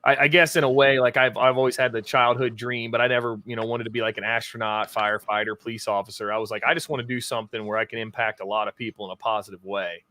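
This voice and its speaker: Man, guest in a casual chat, bright forceful voice, dry close sound, energetic hype talker. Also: mid-range voice, quick pace, few pauses, dry recording. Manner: energetic self-styled hype talker, laughs often. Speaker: guest YouTuber.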